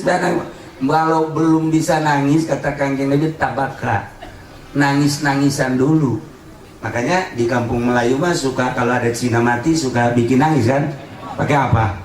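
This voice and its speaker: A man's voice: medium pitch, slight background noise. A man preaching a sermon in a humorous way, mixing jokes and street slang into his teaching. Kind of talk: religious sermon. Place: hall at a religious gathering. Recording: echoey hall, voice from a distance.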